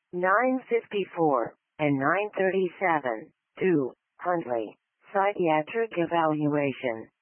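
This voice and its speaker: A woman's voice: on the low side, no echo. A woman reading scripted emergency dispatch announcements in short, formulaic separate phrases over a radio. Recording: narrowband emergency radio scanner audio.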